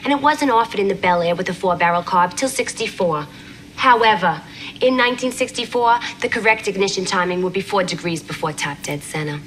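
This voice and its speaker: A woman's voice: mid-range voice, background noise, lightly acted. An actress playing a brassy young woman testifying in court as a car expert, rattling off details confidently. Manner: rapid-fire confident listing. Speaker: witness.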